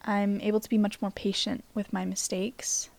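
A woman hosting a reflective mindfulness podcast, speaking gently with pauses and soft, breathy phrase endings, her voice slightly worn. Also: medium pitch, flat delivery. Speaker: podcast host.

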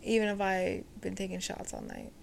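A woman co-hosting a podcast in casual chat, teasing and candid with loud bursts. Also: medium pitch, huge pitch swings, normal speed, creaky, slight background noise. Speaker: podcast co-host.

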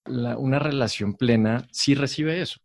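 A man, a podcast guest, explaining in a measured, teacherly way with rhetorical questions. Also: medium pitch, creaky. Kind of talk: calm explanatory chat.

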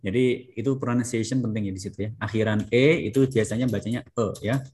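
A man's voice: on the low side, fairly even intonation, fast, a little mellow, slight background noise. A man teaching a German class, patiently prompting students to say words back. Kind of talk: classroom language lesson.

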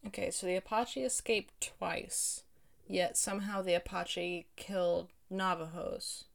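A woman's voice: lowish voice, steady tone, unhurried, gravelly, no room sound. A woman co-hosting a podcast, teasing and wisecracking at her co-host in casual banter.

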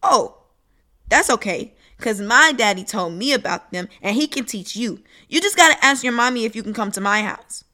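Woman playing a curious small child, high, eager, questioning. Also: lively intonation, moderate pace, pushed and bright. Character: chatty, curious little child.

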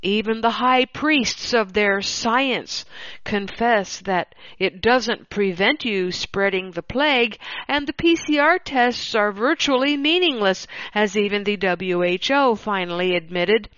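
A woman hosting, reading an opinion article aloud in a measured, deliberate way. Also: medium pitch, a bit bright, no room sound. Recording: dull, slightly lo-fi dry recording.

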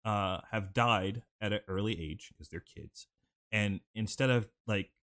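A man's voice: fairly low pitch, unhurried, a bit bright. A young man on a podcast, chatting casually and telling a long, rambling story full of fillers, his mic turned slightly away. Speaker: podcast host. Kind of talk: casual chat. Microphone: studio mic, off-axis.

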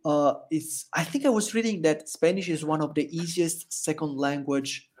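A chatty man from Italy, guesting on a podcast, tells animated stories in Italian-accented English and laughs often. It's a casual interview chat, delivered at a moderate pace in a voice on the high side.

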